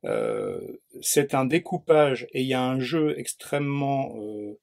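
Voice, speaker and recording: A man's voice: medium pitch, big pitch swings, measured pace, gravelly, darkish tone. A man hosting a discussion at a bookshop, introducing a book and asking the author questions, hesitant, with many fillers. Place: bookshop event.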